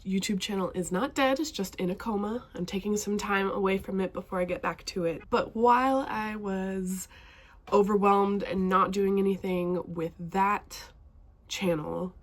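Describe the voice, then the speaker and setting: Speaking at a normal pace in a mid-range voice, this young BookTube vlogger from northwestern Montana talks casually and eagerly about books straight to camera. A cold leaves her sounding a little stuffy.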